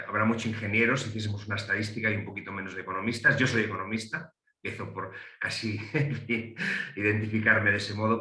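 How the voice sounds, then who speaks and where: A middle-aged Galician economist from Spain speaks on a panel with a Galician Spanish accent, hesitating with many fillers and restarts. His voice is low-pitched and sharp in tone, and the recording carries a roomy echo.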